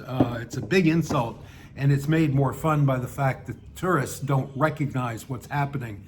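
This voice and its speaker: A man's voice: fairly high pitch, slight background noise. A man reading his own humorous essay aloud, with a dry, wry delivery and offhand asides.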